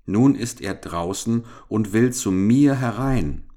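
A man's voice: lively intonation, warm tone. A man voicing a spoiled young princess in a children's fairy tale reading, pleading in a raised voice. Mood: anxious. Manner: higher, pleading, quick promises.

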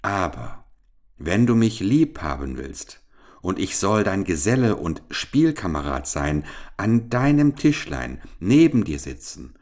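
A man voicing an ugly talking frog in a children's fairy tale, drawing out his words slowly and insistently. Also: low voice, sing-song, darkish tone, full character voice. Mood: coaxing. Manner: slow, drawn-out, coaxing.

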